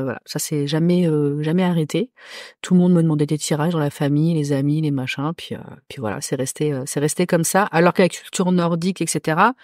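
A woman from Corsica, a podcast guest who reads runes, talking casually with many hesitant pauses. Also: fairly low pitch, a little mellow, no echo, studio quality. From Corsica, France. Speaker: podcast guest, rune reader. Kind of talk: casual chat.

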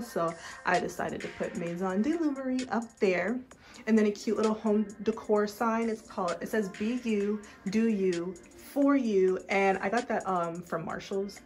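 A woman's voice: medium pitch, darkish tone. Chatty young woman touring her salon. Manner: chatty, addresses viewers as guys, many fillers. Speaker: loctician giving a salon tour. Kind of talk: casual vlog walkthrough. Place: small home salon room, indoors.

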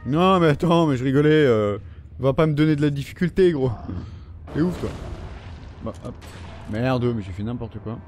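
A man's voice: medium pitch, animated, moderate pace, pauses often, darkish tone, faint music behind. A young man giving let's play commentary, swearing and taunting the enemies as he plays. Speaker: gaming video host. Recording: faint game gunfire underneath.

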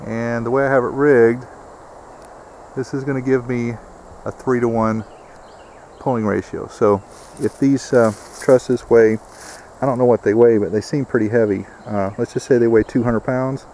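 Showing how to do a build on his rural homestead, a man speaks at a normal speed in a dark, mid-range voice with fairly even intonation. The how-to is casual and step by step, peppered with "uh" fillers, over slight background noise.

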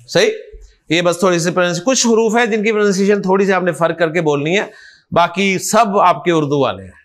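Slow, high-voiced teacher. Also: male voice, fairly bright tone. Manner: patient, drills letters with frequent checks. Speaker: Quran Arabic teacher. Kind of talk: online class teaching.

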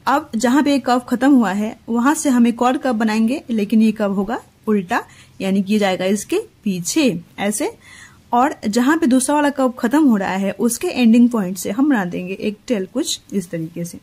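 A woman teacher walking young children through writing letters step by step, slowly and patiently, mixing English words into her speech. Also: a little high, darkish tone, husky. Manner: slow, step-by-step explaining with Hindi-English code-mixing. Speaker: play school teacher. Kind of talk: handwriting lesson for young children.

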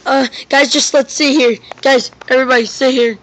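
A woman voicing a bratty young male koopa prince who yells and panics, with faint noise behind. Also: high voice, steady tone, moderate pace, rough recording. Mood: scheming. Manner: shrieking and panicked, yelling for help.

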